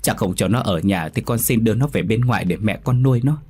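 A man's voice: on the low side, sing-song, brisk, a little mellow, husky, soft background music, heavily acted. A man doing a tearful pleading young woman. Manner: begging, tearful. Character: timid young daughter-in-law, pleading and weeping.

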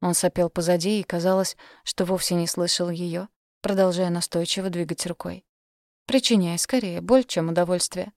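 Woman audiobook narrator, steady read, fairly low voice, dry close sound. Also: moderate pace, dry recording. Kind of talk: scripted narration.

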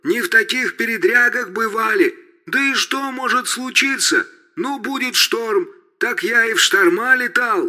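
A man's voice: very high voice, a little slow, sharp tone, pitched above the performer's own voice, exaggerated voice. A man reading an audiobook, voicing a brash male helicopter pilot who talks over a radio handset. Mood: breezy. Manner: brash, dismissive of danger. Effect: heard over a radio handset.

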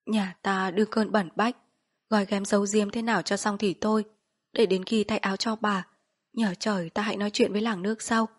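A sober older family elder, read by a woman narrator, gives practical advice in a plain, measured way. The voice stays close to the reader's own, husky and a little breathy. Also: medium pitch, steady tone, lightly acted.

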